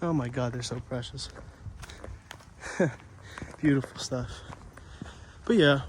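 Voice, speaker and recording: A man's voice: mid-range voice, takes it slowly, slight background noise. A young man vlogging casually while walking outdoors, out of breath, chatty and easily amazed, joking at his own expense. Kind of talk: casual walk-and-talk vlog. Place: outdoors on a trail and city streets.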